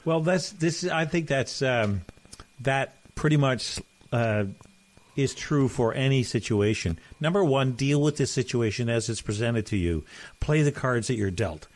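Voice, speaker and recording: A man's voice: mid-range voice, unhurried. A man hosting a talk podcast, giving plain-spoken, folksy opinions in casual commentary. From Canada. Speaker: podcast host.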